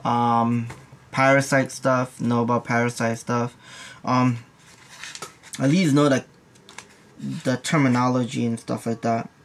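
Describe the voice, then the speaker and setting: A man's voice: mid-range voice, flat delivery, a little slow, pauses often, slight background noise. A young man and nursing student giving a casual, rambling exam review, full of slang and repeated asides. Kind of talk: casual study review vlog.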